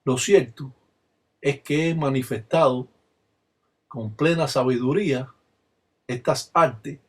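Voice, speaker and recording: An older Cuban man speaks as a religious elder, solemn and insistent, his voice husky and slightly rough. He teaches in measured phrases and slips into rhythmic chanted call-and-response lines. His pitch sits in a middle range for a man. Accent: Cuban Spanish. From Cuba.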